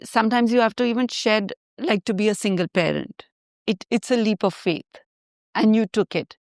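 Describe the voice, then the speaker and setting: A woman's voice: mid-range voice, normal speed, no echo, studio quality. A woman with an Indian accent, hosting a conversational interview. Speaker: interview host.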